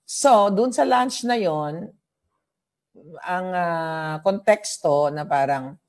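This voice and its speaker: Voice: mid-range voice, extremely slow. A political vlogger from the Philippines, chatting casually on a livestream, gossipy and mixing English into the talk, often addressing viewers directly. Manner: talks straight to viewers and their comments.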